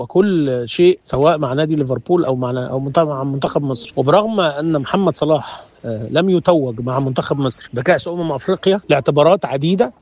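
Fast, emphatic Egyptian sports journalist. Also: male voice, on the high side, darkish tone. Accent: Egyptian Arabic. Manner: emphatic and effusive. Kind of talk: unscripted commentary on radio.

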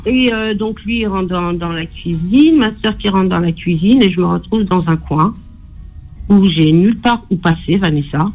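A woman's voice: lowish voice, normal speed, soft background music. A woman calling in to a radio show, hesitantly retelling a family dispute with quoted dialogue. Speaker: caller. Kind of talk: call-in radio storytelling. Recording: tinny phone line.

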